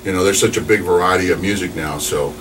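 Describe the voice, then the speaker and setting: A man's voice: deep voice, fast talker. A man in his forties, a radio DJ from New Mexico, chatting casually in an interview with lots of fillers and restarts. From New Mexico, USA. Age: 40s. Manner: rambling, upbeat, chatty with many fillers. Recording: distant mic with noisy background.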